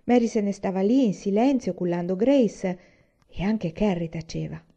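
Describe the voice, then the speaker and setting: Warm-voiced woman reading a novel aloud. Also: mid-range voice, moderate pace. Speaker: reader. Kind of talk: audiobook narration. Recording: slightly dull lo-fi recording.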